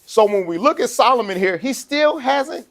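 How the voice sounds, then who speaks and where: A man preaching a sermon, conversational, shifting between quiet asides and loud, slow scripture reading. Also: very high-pitched, animated. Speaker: pastor.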